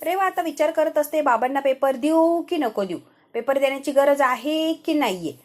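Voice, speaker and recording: A woman's voice: high-pitched, expressive, moderate pace. A woman chattily retelling a TV serial episode and slipping into the characters' lines. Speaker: serial episode recap narrator. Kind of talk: casual storytelling recap.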